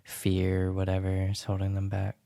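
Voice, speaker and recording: A man's voice: deep voice, monotone, normal speed, gravelly, mellow. A man hosting a podcast interview, chatting casually and searching for his words with many fillers. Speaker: podcast host.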